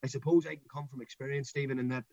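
A man's voice: medium pitch, flat delivery, rapid-fire, darkish tone, dry recording, muffled recording. A middle-aged man with a Northern Irish accent, talking anecdotally in an interview as a coach, emphatic and given to repeating his phrases. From Northern Ireland. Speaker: school football coach.

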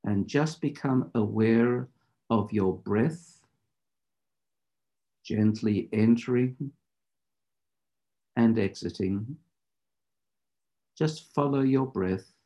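Man, meditation teacher, slow delivery, mellow tone, creaky voice, measured instructive phrasing. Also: medium pitch. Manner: deliberate, instructive, speaking in short measured phrases. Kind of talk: spiritual lecture turning into guided meditation instruction.

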